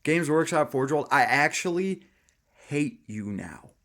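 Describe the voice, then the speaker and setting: A man's voice: fairly high pitch, expressive, measured pace, a bit bright. A man ranting to camera, exasperated and profane, repeating himself. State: angry. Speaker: hobbyist vlogger. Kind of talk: angry rant to camera.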